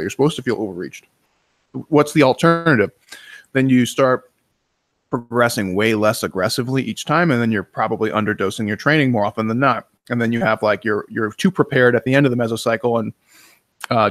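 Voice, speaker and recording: A man's voice: medium pitch, fast, no room sound. A man co-hosting a casual webinar Q&A, giving blunt, casual advice with some swearing. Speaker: co-host.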